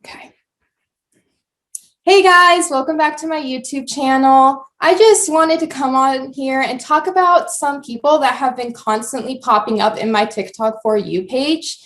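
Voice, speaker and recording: A woman's voice: sits high, a little slow, a bit bright. A woman voicing a chatty young woman video blogger ranting breezily and sarcastically to her viewers. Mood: sarcastic. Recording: roomy, distant mic.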